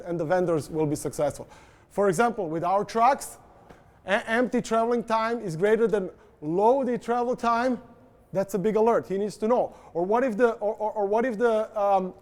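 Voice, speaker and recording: Male presenter, high voice, casual joking delivery, talks straight to the audience. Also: darkish tone. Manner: informal, joking, addresses audience directly. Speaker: industry presenter. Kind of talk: conference presentation. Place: event presentation.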